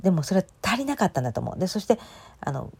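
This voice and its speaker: A woman in her thirties talks in a Kansai accent. Her voice is low and mellow, but it swings widely in pitch. She tells a personal story quickly and with feeling, full of fillers and asides. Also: vocal fry, breathy edge. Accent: Kansai Japanese. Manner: chatty and emotional, lively dialect storytelling with many fillers. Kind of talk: casual storytelling monologue.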